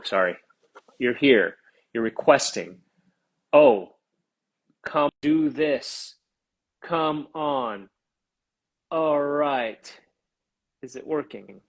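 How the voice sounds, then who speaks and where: An actor chats with a guest on a phone livestream while promoting his film, rambling casually with upbeat, self-aware filler talk. His voice is fairly low with a breathy edge, and the recording is low quality.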